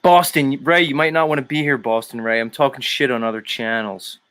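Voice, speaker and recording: A man's voice: mid-range voice, fairly even intonation, a little fast, a bit bright, smooth, no room sound. A man hosting a casual livestream, talking crudely and mockingly and laughing often. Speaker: streamer host.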